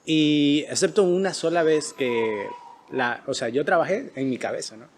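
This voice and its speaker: A man's voice: a little high, expressive, moderate pace, slight background noise. Hesitant male podcast host. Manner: hesitant, many "eh" fillers. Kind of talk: casual conversation.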